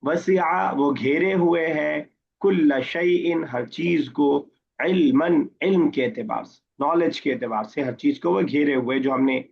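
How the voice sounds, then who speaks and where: Male Arabic teacher, mid pitch, husky, slow recitation and plain explanation, dull lo-fi line. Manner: reads the Arabic slowly, then explains in Urdu and quizzes students. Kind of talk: online class lesson, word by word. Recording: muffled lo-fi online class audio.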